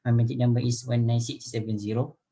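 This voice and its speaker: A man's voice: mid-range voice, little pitch movement, fast, warm tone, slightly rough, rough recording. A young man leading a student group discussion over a video call, hesitant with many fillers and restarts. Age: young adult.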